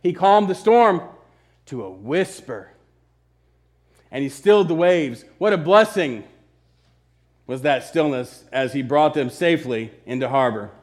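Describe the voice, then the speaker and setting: A man preaching a sermon, swinging between loud, emphatic bursts and hushed, slow, earnest lines. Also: a little high, lively intonation.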